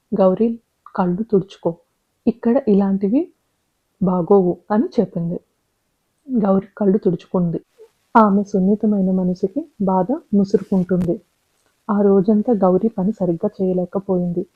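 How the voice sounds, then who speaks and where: Woman telling a story over a phone-like line. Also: medium pitch. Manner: reads every character's lines in her own voice. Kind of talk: scripted story narration. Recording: phone-like narrow audio.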